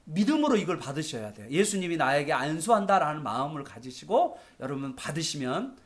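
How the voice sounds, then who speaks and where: A man's voice: on the high side, very animated, a little fast. A man preaching a sermon as pastor, telling the story with animation and asking his listeners questions. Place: church.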